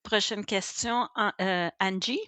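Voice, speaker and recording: A woman co-host reading viewer tax questions aloud in a steady way. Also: medium pitch, slow pace, no room sound. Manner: reads questions out in a steady, even way.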